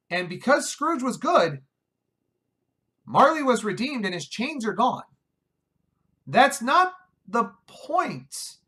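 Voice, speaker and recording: In a casual video, a man reviews a film with a wry, exasperated air, frequently talking over himself and restarting sentences. His voice sits high, with a bright, forceful tone.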